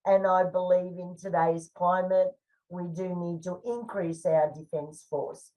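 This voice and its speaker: An Australian woman shares her views slowly and deliberately, pausing on fillers as she thinks aloud. She sounds a little distant from the microphone, as if sitting back in the room. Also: lowish voice, steady tone, muffled recording. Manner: measured, opinionated, frequent "you know" and "um". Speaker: co-host. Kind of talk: casual discussion of the federal budget.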